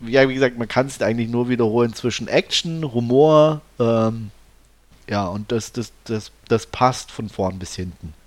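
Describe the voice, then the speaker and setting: A man's voice: mid-range voice, moderate pace. A man chatting casually in a film review podcast, talking freely with many fillers and restarts. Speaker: podcast host reviewing films.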